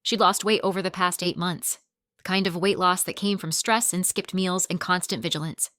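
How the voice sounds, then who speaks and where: A woman narrating a scripted story in a measured, even storytelling manner. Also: lowish voice, dry recording, clean studio sound.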